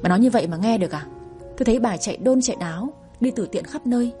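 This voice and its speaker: A woman's voice: a little high, lively intonation, rapid-fire, warm tone, soft background music, lightly acted. A woman storyteller voicing an angry middle-aged husband who scolds his wife in a spoken audio story. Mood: reproachful. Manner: reproachful, scolding.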